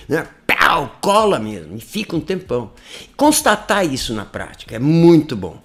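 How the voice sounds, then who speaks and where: A man, tutoring an English course in a live online lesson, talking conversationally with frequent "né?" tags. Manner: lively, conversational, frequent "né?" tags, animated swings in pitch.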